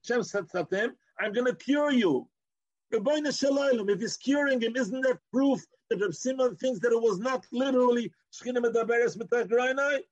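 A man teaches religion in a high-pitched voice with a Yiddish-inflected accent. He argues through rhetorical questions and repeats words as he builds each point. The sound is dry and slightly dull. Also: moderate pace, dry recording. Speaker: Torah teacher. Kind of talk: informal religious lecture.

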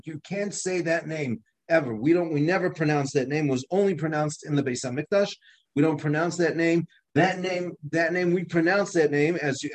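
A man teaching an informal Torah class, explaining slowly and often restarting his phrases. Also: a little high. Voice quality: many restarts and repeated words, conversational explaining.

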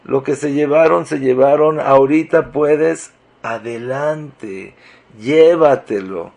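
Animated man giving a religious talk. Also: medium pitch, slow pace, creaky. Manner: animated, swings between loud emphasis and soft asides; uses Hebrew religious terms.

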